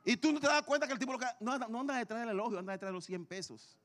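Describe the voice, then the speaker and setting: A male preacher delivers a sermon with a high voice. He throws out rhetorical questions and repeats key phrases. His delivery rises and falls dramatically. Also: expressive, very fast, fairly bright tone.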